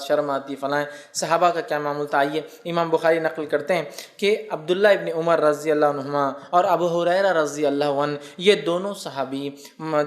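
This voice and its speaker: A man giving a religious lecture, slowly explaining points, reciting Arabic phrases and urging his listeners with repeated reminders. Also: a little high. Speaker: Islamic preacher.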